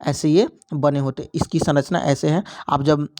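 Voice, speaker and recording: A young male teacher with a somewhat high voice, patiently walking through exam questions one by one. He repeats key points, slipping English terms into his explanations. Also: steady tone, normal speed, a little mellow. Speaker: biology teacher.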